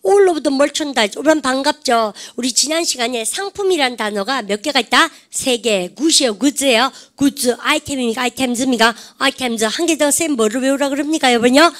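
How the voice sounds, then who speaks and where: A woman teaching an English grammar lecture, quizzing her class with lively rhetorical questions. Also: high voice, a little fast, few pauses.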